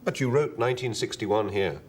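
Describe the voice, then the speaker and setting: A man's voice: on the low side, normal speed, a little hiss or hum, lightly acted. An actor playing a male job interviewer, questioning an applicant with mild disbelief in a scripted comic dialogue. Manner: questioning, mildly incredulous.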